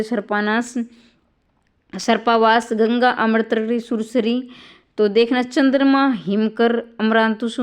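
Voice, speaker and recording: A woman's voice: on the high side, clean tone. A woman tutor explaining exam answers one by one, often adding "bhai" and "theek hai" as she checks each option.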